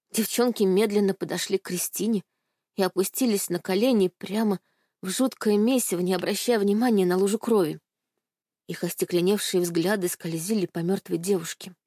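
A woman's voice: medium pitch, fairly even intonation, normal speed, mellow, dry recording, studio quality. A woman narrating a dramatic first-person novel in a tense, dramatic manner. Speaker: audiobook narrator.

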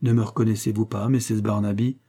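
A man voicing a dignified, witty old aunt who speaks calmly and affectionately in a storybook reading. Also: mid-range voice, moderate pace, slightly rough, lightly acted. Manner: calm, affectionate, dryly witty.

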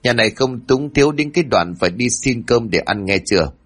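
A man's voice: mid-range voice, lively intonation, brisk, close to an everyday voice. A man voicing a cruel young stepmother who scolds and sneers at a small child. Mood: scolding.

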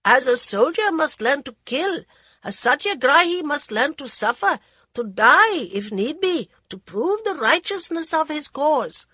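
A woman voicing a frail elderly male freedom leader who addresses a crowd with impassioned oratory in a high, nervous voice. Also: sing-song, a little slow, pushed and bright, no echo, full character voice. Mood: impassioned rallying. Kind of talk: audiobook character voice.

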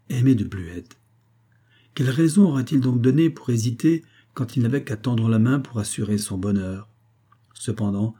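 A male narrator reads a classic tale aloud in a measured, even storytelling manner. His voice is low, very dark and mellow, with a husky grain. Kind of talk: audiobook narration.

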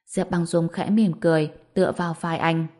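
A woman with a fairly low voice narrates a serialized novel. Her delivery is steady and story-like, and she raises her voice for the characters' dialogue. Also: normal speed. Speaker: audiobook narrator.

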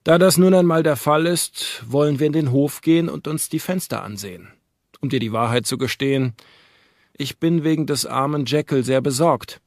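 A man's voice: a little high, normal speed, darkish tone, no room sound, clean studio sound, natural voice. A man voicing an earnest, worried middle-aged lawyer who urges his friend on in a raised, hearty voice.

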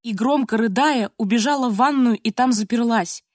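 A woman reading an audiobook aloud, expressive and lively. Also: a little high, moderate pace, no echo, clean studio sound. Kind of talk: audiobook narration.

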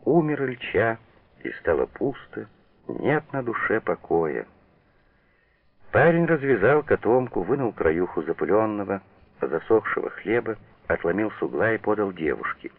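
Deep gravelly male radio reader. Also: very animated, measured pace. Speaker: narrator. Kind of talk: literary reading for radio. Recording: tinny old radio broadcast.

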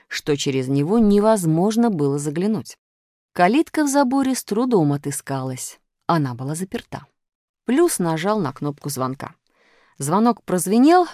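A woman narrates a scripted children's audiobook in an expressive storytelling style. Her mid-range voice moves at normal speed, recorded in studio quality with no echo.

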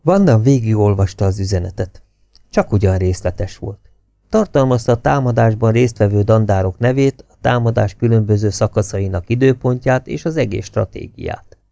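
A man narrating a novel as an audiobook reader in a steady, expressive reading style. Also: fairly low pitch, creaky, dry recording.

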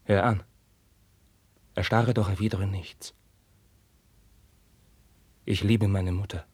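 An actor playing an anguished young prince, declaiming verse in a 1950s radio drama and swinging from hushed whispers to outbursts. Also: male voice, low-pitched, steady tone, takes it slowly, husky, no echo, exaggerated voice. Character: young anguished prince, passionate, tormented by forbidden love.

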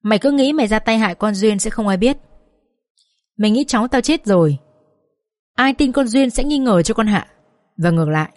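A woman voicing a furious, scheming middle-aged mother-in-law who scolds and curses in a shrill voice. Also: no room sound, clean studio sound, close to an everyday voice.

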